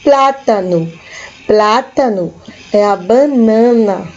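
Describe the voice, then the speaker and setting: A woman with a Brazilian Portuguese accent, teaching a recorded lesson to children, slowly and patiently repeating each word for young learners. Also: mid-range voice, darkish tone, highs cut off. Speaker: school teacher.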